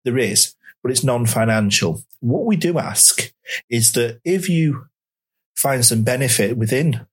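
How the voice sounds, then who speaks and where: A man's voice: medium pitch, expressive, measured pace, husky. A man hosting a podcast interview, chatty and friendly, often restarting his phrases. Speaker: podcast host. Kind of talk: casual interview.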